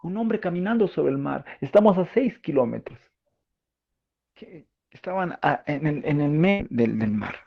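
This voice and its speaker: A man with a Peruvian Spanish accent preaching a sermon in a conversational way, asking his listeners questions and often pausing with fillers. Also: fairly high pitch, animated, vocal fry, lo-fi sound. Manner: conversational, asks the audience questions, frequent fillers.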